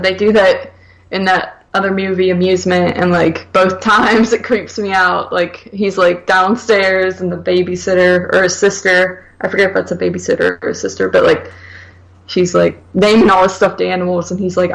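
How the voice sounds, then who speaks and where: A woman co-hosts a horror film podcast, chatting casually and slangily about films and saying "like" constantly. Her voice is low-leaning and gravelly at a moderate pace, and the recording quality is poor.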